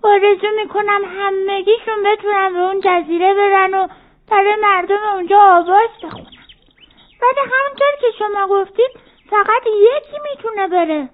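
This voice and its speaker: Lady doing a squeaky little bird, nervous and sweet, tinny. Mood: earnest. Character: tiny timid young bird, earnest.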